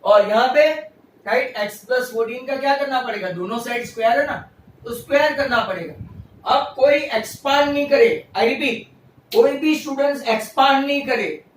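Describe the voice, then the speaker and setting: A male maths teacher giving an online class, mixing English into Hindi, repeating "right?" often, loud and stern with absent students. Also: extremely high pitch, normal speed, slight background noise. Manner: loud, says he shouts himself hoarse. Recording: roomy echo, distant mic, faint ambience.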